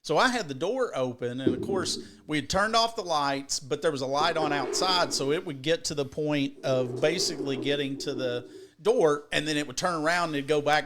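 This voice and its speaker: A man co-hosting a podcast, telling a rambling, profane story in an animated way with many restarts. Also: a little high. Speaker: podcast co-host. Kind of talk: casual storytelling.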